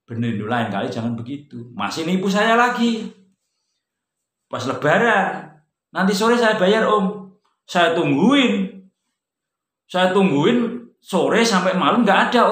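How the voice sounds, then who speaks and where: A man giving an informal religious study talk, conversational, jumping from loud emphatic peaks to quiet, low asides. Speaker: religious teacher. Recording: roomy echo.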